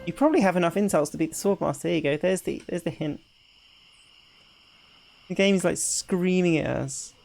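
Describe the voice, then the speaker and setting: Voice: medium pitch, expressive, normal speed, creaky, pauses often, darkish tone, soft background music. A streamer giving casual, chatty gameplay commentary, thinking aloud.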